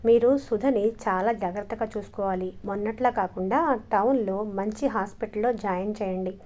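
A woman voicing an irritable young husband who speaks in a sharp, impatient, sarcastic way. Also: mid-range voice, moderate pace, natural voice. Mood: curt.

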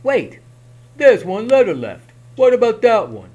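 A man's voice: extremely high pitch, wildly swooping pitch, a little slow, darkish tone, husky, lo-fi sound, voice pushed up, full character voice. A man voicing a small, grumbling, greedy goblin in a storybook, petulant and sulky. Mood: curious. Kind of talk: storybook read-aloud.

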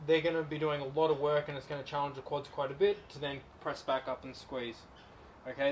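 In a garden, a young man from Australia who works as a personal trainer shows home workouts while speaking to a camera set far away. His voice runs fairly high, with slight background noise. He stays easygoing, coaching as he performs the reps.

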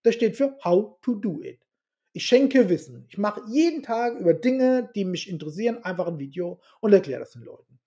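Blunt, dark-voiced middle-aged man. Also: high voice, normal speed. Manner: animated storyteller who acts out quoted dialogue; blunt and salty, swears casually. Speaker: podcast guest. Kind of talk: casual storytelling interview.

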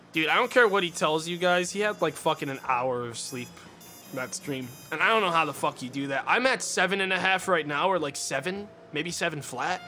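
Bright-voiced young man ranting at chat. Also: high voice. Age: 20s. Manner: ranting, mock-indignant, swearing. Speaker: streamer. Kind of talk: casual chat with viewers. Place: small dim room indoors.

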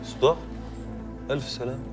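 An actor playing an exasperated young husband who pleads in quick bursts, with an Egyptian accent. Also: male voice, mid-range voice, fairly even intonation, distant mic, over loud music, natural voice. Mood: affectionate. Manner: fast, pleading, rising to exasperation. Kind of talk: film drama acting.

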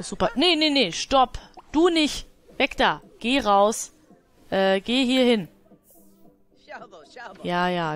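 Chatty woman narrating her game. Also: medium pitch. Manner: chatty, talks to her game characters, laughs often. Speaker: let's play gamer. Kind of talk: casual gameplay commentary.

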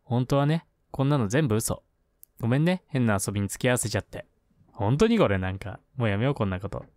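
A man reading the lines of a young schoolgirl who leads a fox-spirit ritual, in a gentle, coaxing way. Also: mid-range voice, animated, fast talker, dry recording, natural voice. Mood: pleading. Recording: game music underneath.

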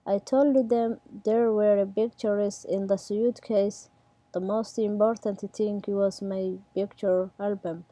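A young Somali-accented woman reads her personal story in a plain, measured way, her English simple and non-native. Her voice is very dark and mellow, recorded dry and close with no room sound. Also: medium pitch, fairly even intonation, no echo. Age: 20s. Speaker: immigrant storyteller. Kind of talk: read personal narration.

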